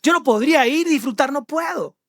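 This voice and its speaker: A man's voice: very high voice, expressive, fairly quick, no room sound, studio quality, pitched above the performer's own voice. A man voicing a loyal soldier who pleads that he cannot enjoy himself while his army fights. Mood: earnest protest. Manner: earnest, pleading protest. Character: loyal male soldier refusing the king.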